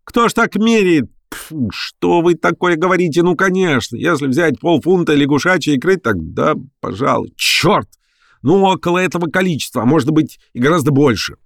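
A man's voice: fairly high pitch, lively intonation, measured pace, vocal fry, few pauses, no echo, studio quality, pitched above the performer's own voice. A man voicing an irascible elderly professor who shrieks and howls in hysterical outbursts. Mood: indignant. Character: irascible elderly male professor, shrill and explosive.

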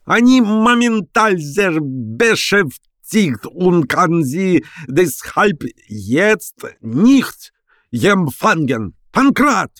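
A man's voice: high voice, big pitch swings, measured pace, few pauses, no echo, studio quality, voice pushed up. A man voicing an irascible elderly professor who shrieks and howls in hysterical outbursts. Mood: shouting. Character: irascible elderly male professor, shrill and explosive.

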